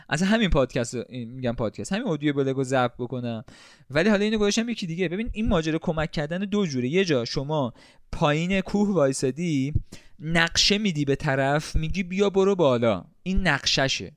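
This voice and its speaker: Chatty man with a fairly high voice. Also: no room sound, studio quality. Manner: conversational, explains with everyday examples, rhetorical questions. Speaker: content creator. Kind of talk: casual talk to camera about helping others. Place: room, seated.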